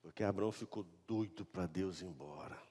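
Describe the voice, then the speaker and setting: A man with a Brazilian Portuguese accent preaching a sermon as a pastor. He reads scripture loudly, then tells the story in a casual, joking tone. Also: low voice, fairly quick, breathy edge. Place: church sanctuary. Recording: long church reverb.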